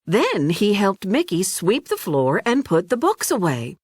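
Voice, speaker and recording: A woman with a mid-range voice reads aloud from a children's storybook, telling the story expressively and deliberately. The studio recording is clean, with no echo.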